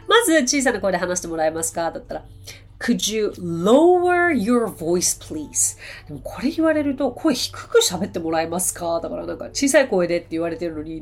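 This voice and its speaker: Polite woman hosting a podcast lesson. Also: mid-range voice. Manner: polite, chatty, mixes in English phrases. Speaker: English teacher and podcast host.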